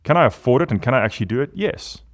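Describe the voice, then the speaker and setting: A man, a podcast guest talking in an animated, emphatic way with big swings in pitch. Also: very fast. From South Africa. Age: 40s. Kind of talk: casual podcast conversation.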